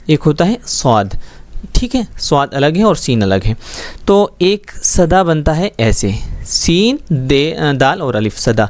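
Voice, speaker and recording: A man's voice: on the high side, sing-song, no room sound. A man teaching a schoolbook Urdu lesson, explaining words patiently and often checking that students follow. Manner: patient, explains slowly with frequent check-ins.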